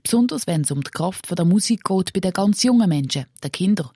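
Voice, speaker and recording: Swiss german woman reporter, lowish husky voice, dry sound, bit of music under it. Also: lively intonation, fairly quick, dark tone, no room sound. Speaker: radio reporter. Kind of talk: scripted narration and interview questions.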